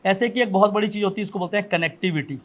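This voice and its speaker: High-voiced man teaching essay writing. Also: rapid-fire, a bit bright. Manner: conversational, frequent "ठीक है ना" check-ins; repeats key points, asks rhetorical questions. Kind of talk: classroom lecture.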